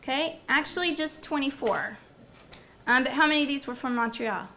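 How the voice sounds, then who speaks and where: A woman's voice: sits high, expressive, normal speed, bright, forceful tone, a little hiss or hum. A woman professor presenting at a university symposium before a live audience, moving from a prepared talk to quizzing the audience and repeating their answers. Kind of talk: academic presentation with audience quiz.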